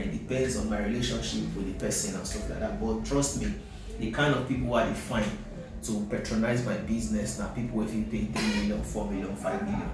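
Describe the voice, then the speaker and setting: Nigerian guy being interviewed in pidgin n english, mid voice, super echoey and noisy. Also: fairly low pitch. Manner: often checks "you understand". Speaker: company CEO, interview guest. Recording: very echoey, distant mic, noisy.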